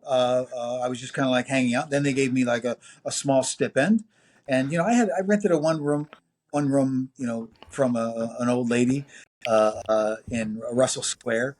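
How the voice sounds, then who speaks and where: A man in his sixties with a New York accent, telling long anecdotes as an interview guest, full of fillers and lively quoted voices. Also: mid-range voice, normal speed. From New York City. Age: 60s. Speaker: music producer and engineer guest. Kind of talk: casual interview storytelling.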